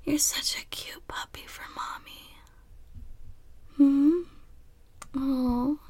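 A woman in a whispered role-play, playing a doting, teasing partner who soothes and coos to another adult in an intimate, breathy, husky voice. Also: sits high, steady tone, drawn-out words, darkish tone, dry recording.

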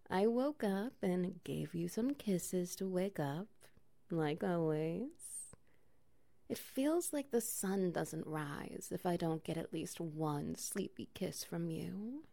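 A woman talks gently and slowly in a soothing ASMR comfort roleplay, often dropping into a whisper. Her voice sits a little low and carries a gravelly, fry-tinged edge. The sound is dry and close, with no room around it. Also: dry recording. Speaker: ASMR performer.

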